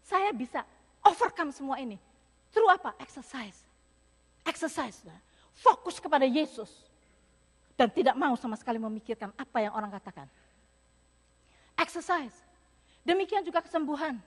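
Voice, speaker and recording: Woman pastor, Indonesian accent, high voice, repetitive sermon delivery, church hall reverb. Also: animated, moderate pace, pauses often. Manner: mixes English phrases into preaching, repeats key words.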